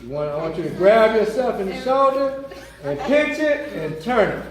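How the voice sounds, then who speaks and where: A man's voice: sits high, sing-song, moderate pace, very noisy. A man with a Southern US accent giving a playful, joking talk to a young audience about money, quizzing them as he goes. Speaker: speaker teaching kids about money. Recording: echoey hall with audience chatter.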